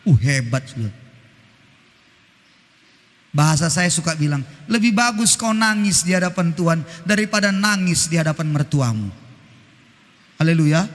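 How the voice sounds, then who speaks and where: A male pastor preaching an animated, teasing sermon, breaking into snatches of hymns. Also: sits high. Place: church. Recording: church hall reverb.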